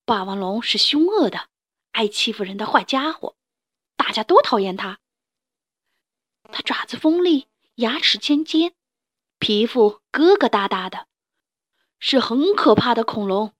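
A woman's voice: a little high, lively intonation, a little slow, long pauses. A woman reading a storybook and voicing a kindly adult male ankylosaur uncle who gives earnest warnings.

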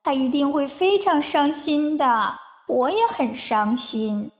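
A woman's voice: sits high, lively intonation, slow. A woman voicing a kind, brave little male animal child in a storybook, childlike and tearful, on a tinny phone-like recording.

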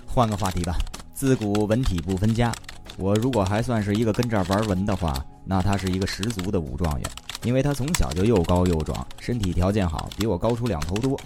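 Low-voiced Beijing man, wry comic narrator. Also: lively intonation, brisk. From Beijing, China. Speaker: comic storyteller. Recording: clear background noise with keyboard clicks.

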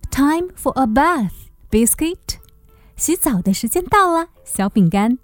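A woman's voice: sits high, big pitch swings, a little slow, no echo, soft background music, pitched above the performer's own voice. A woman voicing a young owner calling playfully to a naughty puppy, sing-song, as when reading a storybook to a toddler. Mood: coaxing.

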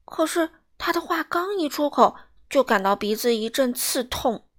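Woman storyteller, higher voice, very animated reading. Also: normal speed. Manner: lively, playful, asks listeners.

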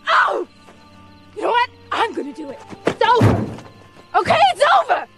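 A woman's voice: extremely high pitch, sing-song, moderate pace, music in the background, heavily acted. An actress playing a headstrong, passionate seventeen-year-old girl in film dialogue. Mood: furious. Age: teen. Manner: emotional, pleading then shouting.

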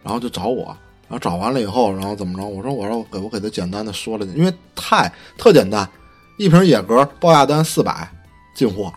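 Fast-talking husky man, heated and profane. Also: on the low side, animated, faint music behind. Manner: stammering restarts. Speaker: podcast co-host. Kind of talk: casual chat.

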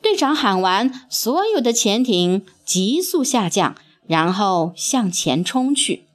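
A woman narrating a children's story in an expressive, sing-song storytelling manner. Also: medium pitch, slow.

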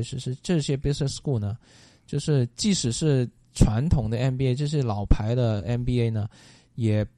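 A man answering interview questions who lays out his points one by one, pausing often on fillers. His voice is dark and mellow. The sound is close and dry. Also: medium pitch, no room sound. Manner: explanatory, methodical, with many fillers. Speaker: guest.

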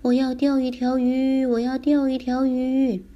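A woman voicing an excitable little boy who chants eagerly while he fishes, in a children's story reading. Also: high voice, moderate pace, dull audio, pitched above the performer's own voice.

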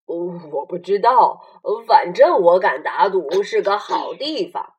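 A woman voicing a cheerful, wise old male grasshopper in a storybook read aloud, in a lowered, hearty voice. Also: animated, a little slow, lo-fi sound. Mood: cheery.

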